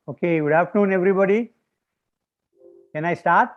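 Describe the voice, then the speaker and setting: An older Sinhalese-speaking man with a Sri Lankan accent gives an online lecture in English, pausing often with drawn-out uhs. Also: high voice. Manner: hesitant, frequent pauses with drawn-out uhs. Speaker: visiting lecturer and retired professor, guest speaker. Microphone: video call. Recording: dull, lo-fi video call audio.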